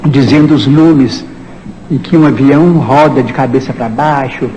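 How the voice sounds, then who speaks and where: Male spiritist lecturer, animated storyteller, reverberant hall recording. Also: mid-range voice, moderate pace, muffled recording. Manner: animated storyteller, acts out shouted quotes. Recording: reverberant hall, faint background noise.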